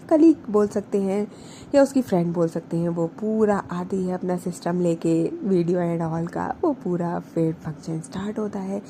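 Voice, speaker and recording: A young woman spins a story out loud in a relaxed, chatty way, circling back and correcting herself mid-sentence. Her voice is mellow and soft-edged, and a faint hiss sits under the recording. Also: fairly low pitch. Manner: chatty and rambling, with frequent self-corrections. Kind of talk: casual spoken storytelling.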